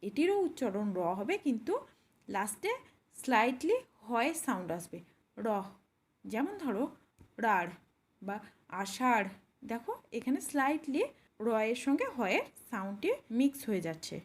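Lively, high-voiced woman patiently teaching. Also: slightly rough. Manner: patient, demonstrates sounds slowly, addresses the listener directly. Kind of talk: explaining pronunciation to learners.

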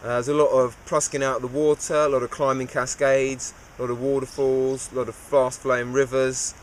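Recapping a cave dive for an interview, the diver speaks fairly quickly at medium pitch, a slight hiss or hum in the background. He stays easygoing and understated, full of "uh" fillers.

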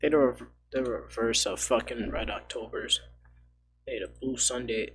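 A man's voice: medium pitch, fairly even intonation, normal speed, heavy background noise. A man streaming live, reacting with loose, profane asides and commentary.

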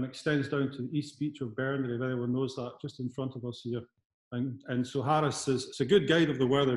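A Scottish man in his fifties, an artist giving a casual talk over a video call from a large studio, speaking haltingly with many restarts. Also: mid-range voice, darkish tone, rough recording. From Scotland. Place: large converted church studio, indoors. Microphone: laptop camera, video call.

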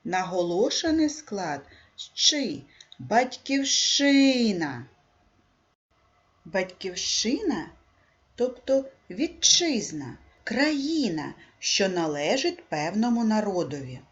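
A woman teacher with a Ukrainian accent, dictating a calligraphy lesson for young pupils in a slow, careful way that stresses syllables. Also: medium pitch, very animated, highs cut off. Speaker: primary school teacher. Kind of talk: calligraphy lesson for second graders.

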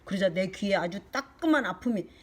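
Grandma reading a kids' storybook, lively, keeps stopping to chat with the little one. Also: female voice, medium pitch, fairly quick, husky. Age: older. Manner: animated, shifting into character voices and asides.

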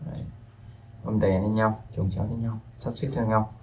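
A man's voice: on the low side, moderate pace, a little hiss or hum. A man teaching a language lesson in a casual, rambling way, with many fillers and repeated words. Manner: relaxed, rambling, with frequent fillers and repetitions. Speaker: Chinese teacher.

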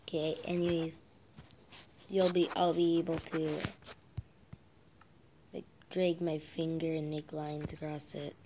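A man's voice: a little high, level tone, takes it slowly, pauses often, darkish tone, a little hiss or hum. A male gameplay vlogger chatting casually while he builds, often muttering and half-whispering as he counts blocks under his breath, with rambling asides.

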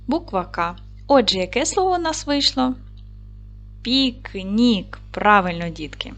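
A woman teaching a recorded lesson to young schoolchildren. She speaks slowly and carefully, asks questions, pauses, and then answers them herself. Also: on the high side, expressive, a bit bright. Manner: slow, careful, clearly spelled-out speech. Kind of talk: video lesson for young children.

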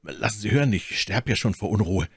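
A man voicing a phlegmatic musketeer who speaks quietly and measuredly. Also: fairly low pitch, animated, brisk, slightly rough, no echo, exaggerated voice. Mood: hushed. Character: calm, phlegmatic older musketeer, low and hushed.

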